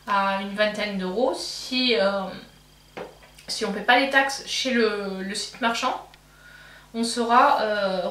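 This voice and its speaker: A woman's voice: a little high, fairly bright tone, far from the mic. A woman vlogger chatting casually while doing her makeup, thinking aloud with fillers and restarts. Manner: rambling, thinking aloud with many fillers and self-corrections. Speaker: beauty vlogger. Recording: echoey room, voice from off-mic, faint hum.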